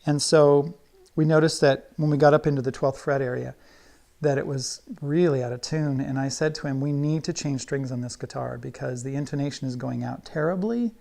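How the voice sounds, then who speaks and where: Gravelly middle-aged guitar teacher. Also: male voice, mid-range voice, moderate pace. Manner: relaxed, chatty, thinks aloud with fillers. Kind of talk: casual how-to lesson while working.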